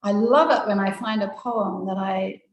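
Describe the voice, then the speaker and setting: A woman poet introducing herself on a panel, warm and reflective. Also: mid-range voice, moderate pace, slight background noise. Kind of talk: panel introduction and poetry recital. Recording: roomy echo.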